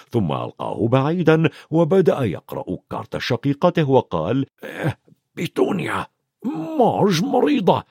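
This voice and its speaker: A man narrating a storybook in an expressive, varied reading. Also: medium pitch, no echo, studio quality. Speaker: audiobook narrator.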